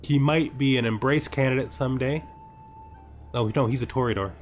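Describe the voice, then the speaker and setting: Speaking in a mid-range voice at a moderate pace, a man hosting a gaming series gives laid-back commentary, thinking out loud with rhetorical questions and exasperated remarks and now and then reading the on-screen text. Music plays in the background, and there's a little hiss or hum.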